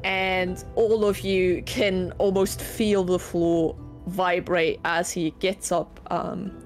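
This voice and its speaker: Woman game master narrating, takes her time, thinks out loud a bit, music behind her. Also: lowish voice, level tone, slow pace. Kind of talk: casual tabletop game narration. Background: background music.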